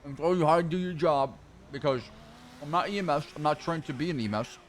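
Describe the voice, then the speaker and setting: Man explaining calmly in roleplay chat. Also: on the high side, quick pace, slight background noise. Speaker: roleplay city liaison.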